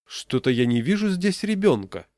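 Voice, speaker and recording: A rowdy, jolly man teases loudly and squeals with laughter, as a man reading a comic story puts him on. His voice rides well above a plain speaking tone. The recording is close and dry. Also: medium pitch, big pitch swings, moderate pace, no room sound, natural voice. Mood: mock-fussing. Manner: loud, teasing, laughing. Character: jolly joking man, loud and giggly.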